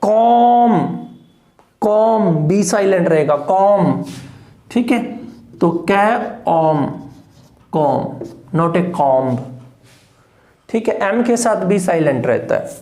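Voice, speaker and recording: A teacher walks through a phonetics lesson at a very slow pace, drilling each word by repeating it and correcting its wrong form. The voice is mellow and unhurried. The sound rings a little, as if recorded in an echoey room. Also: medium pitch, expressive. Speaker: English teacher.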